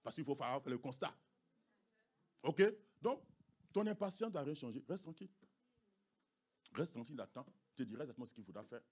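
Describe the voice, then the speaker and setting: A man's voice: mid-range voice, expressive, brisk, pauses often, slightly rough. A man preaching a sermon as pastor, emphatic and repetitive, often asking the congregation if they understand. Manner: emphatic, repeats phrases, asks the congregation "vous comprenez?". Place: church.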